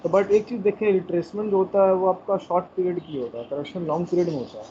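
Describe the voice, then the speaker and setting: A man's voice: high-pitched, fast talker, mellow, muffled recording, slight background noise. A male student politely asking his teacher questions during an online class. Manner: polite, addresses teacher as sir.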